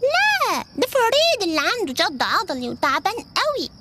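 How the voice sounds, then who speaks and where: A woman's voice: very high-pitched, very animated, normal speed, heavy background noise. A woman voicing Farawla, a little girl in a children's audio drama who apologizes in a fluster.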